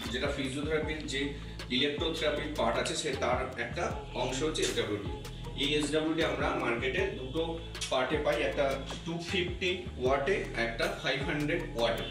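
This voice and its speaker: A man with a fairly high voice presents an informal physiotherapy demonstration to camera, explaining step by step and repeating himself. The recording is very echoey and distant, made in an indoor room with music in the background.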